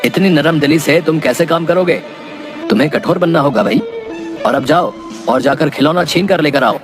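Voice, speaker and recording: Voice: mid-range voice, normal speed, over music, natural voice. A voice actor playing a smug, boastful male master thief who bosses and lectures his clumsy apprentice in a cartoon. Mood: bossy. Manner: bossy, lecturing, scolding. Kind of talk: cartoon voice acting.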